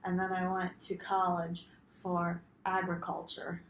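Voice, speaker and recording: A woman's voice: lowish voice, completely flat delivery, a little slow, lightly acted. A young woman playing a laid-back retired male farmer as a patient in a mock intake role-play, giving short, joking answers. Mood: easygoing. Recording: echoey room, faint noise.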